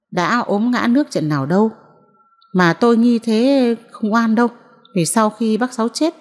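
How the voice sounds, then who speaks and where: A woman narrating a novel in the first person as an audiobook reader, in a measured, mournful way. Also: mid-range voice, a little mellow, long reverb tail.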